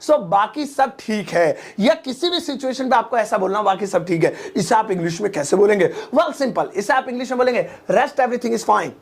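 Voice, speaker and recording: A young man with a gravelly, slightly creaky voice leads a casual English lesson. He talks in a chatty, joking way and slips into little family scenes to make his point. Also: high voice, expressive, moderate pace, hardly any pauses. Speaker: English teacher.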